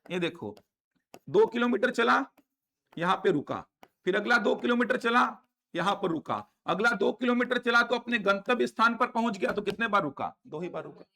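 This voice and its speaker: A man's voice: high voice, expressive, normal speed, creaky, bright, forceful tone. A man teaching a maths class in a classroom, asking students questions and repeating each step, with a Chhattisgarhi Hindi accent. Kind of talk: classroom lecture.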